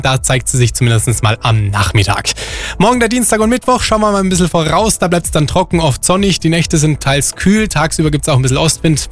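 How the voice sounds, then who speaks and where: A man hosting a morning radio show, chatty and relaxed with fillers. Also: on the high side. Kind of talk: casual radio moderation.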